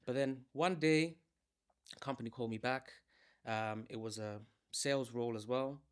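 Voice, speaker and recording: A man's voice: mid-range voice, normal speed, clear, resonant tone. A man in his thirties from Malawi, talking through his career as a salesman in an easygoing, conversational interview. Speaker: guest, salesman. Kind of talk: casual interview storytelling.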